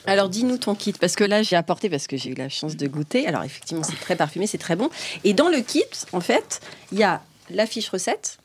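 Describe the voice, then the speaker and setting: A woman hosting an interview show, chatty and lively as she introduces and questions her guests. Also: lowish voice, brisk, slight background noise. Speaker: host.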